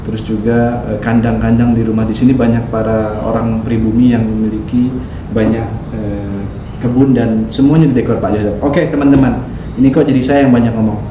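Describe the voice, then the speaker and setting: A man's voice: medium pitch, steady tone, fairly quick, highs cut off. A man hosting a casual interview vlog, chatty and laughing often, with many fillers. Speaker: vlog host interviewing a guest. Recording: roomy, distant, faint noise.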